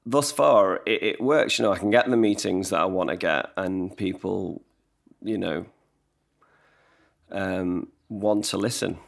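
A low, gravelly Englishman chats a little slowly on a video call as a guest songwriter in a casual podcast conversation. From his living room, using a desk mic on a stand, he rambles, makes self-deprecating remarks, and restarts often.

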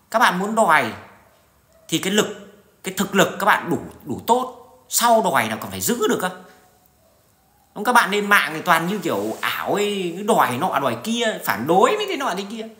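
A man's voice: high-pitched, bright, forceful tone. Blunt middle-aged man, roomy. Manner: blunt, coarse, rambling with frequent restarts and swearing. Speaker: vlogger. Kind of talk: casual monologue to viewers. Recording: roomy echo.

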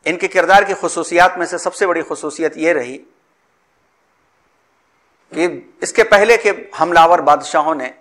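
A man with a slightly high voice delivers a formal history lecture. His phrasing is elaborate and measured, and he often breaks off a word to restart it. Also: fairly bright tone.

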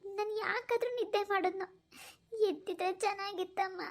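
A woman's voice: very high-pitched, fairly even intonation, brisk. A woman voicing a grief-stricken young mother in a cartoon, sobbing and pleading. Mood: distraught. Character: young mother, grief-stricken over her missing baby. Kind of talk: cartoon voice acting.

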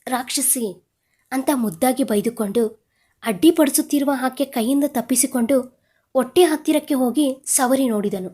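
A woman reads a romantic audio story as scripted narration. Her voice sits a little high, with a mellow, warm tone. Her reading is steady and expressive. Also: normal speed, slightly rough.

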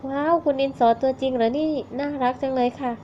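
A woman's voice: high voice, fairly even intonation, quick pace, darkish tone, a little hiss or hum, natural voice. Woman doing a fangirl mom, sweet and pushy, lo-fi sound. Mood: gushing. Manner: gushing, coaxing. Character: doting middle-aged mother, excitable fan.

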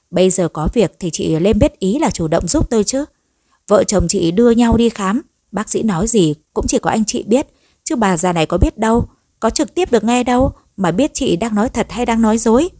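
A woman voicing a sharp-tongued, nagging old mother-in-law in a storybook reading. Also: medium pitch, animated, a little fast, no echo, studio quality, lightly acted. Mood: scornful. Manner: nagging, sarcastic scolding.

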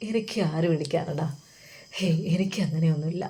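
A woman's voice: low-pitched, a little fast, voice pushed down, lightly acted. A woman voicing a hesitant, pleading young husband. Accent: Malappuram Malayalam. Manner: soft, hesitant, stammering denials.

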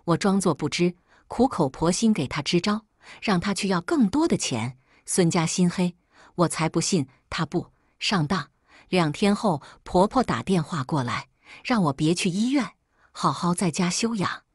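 Woman, story narration, first-person, wry, unbothered, husky voice, dry close recording. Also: on the low side, animated, moderate pace, dry recording.

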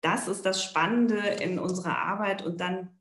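A woman's voice: lowish voice, fairly even intonation, moderate pace, fairly bright tone. Woman, architect, keynote speaker, video call, echoey room, thoughtful with many fillers. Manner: thoughtful, loosely structured, frequent "ähm" and "ja?". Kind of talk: conference keynote talk.

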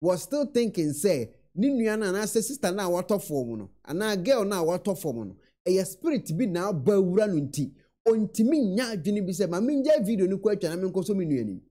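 A young Ghanaian man sits at a webcam in a small room, earnestly giving reaction commentary on a video and mixing in English words. His high voice is warm and brisk, with big pitch swings.

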